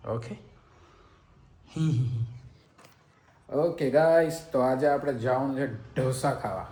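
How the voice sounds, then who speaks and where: A man's voice: mid-range voice, slight background noise. A young man with a Saurashtra Gujarati accent vlogging casually, playful and teasing. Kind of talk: casual family vlog.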